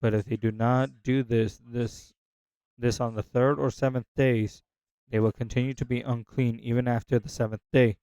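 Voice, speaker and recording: Casual male Bible reader, halting and self-correcting, smooth voice, dry close sound. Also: medium pitch, flat delivery, dark tone, dry recording, low-quality recording. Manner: halting, stumbling over words and restarting lines; unsure of hard names, pauses to check pronunciation. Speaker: scripture reader. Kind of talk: casual unscripted Bible reading.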